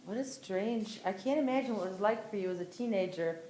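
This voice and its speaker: A woman with a medium-pitched, brisk, warm voice casually interviews an older relative, asking curious questions that prompt her to keep talking. It's a roomy home recording with faint background noise.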